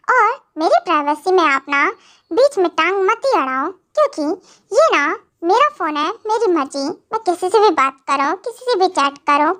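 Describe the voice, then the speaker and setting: Fan-drama role: an argumentative, stubborn young woman , voiced by a woman, high lively voice. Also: exaggerated voice. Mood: indignant. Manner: argumentative, insistent. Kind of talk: fan audio drama acting.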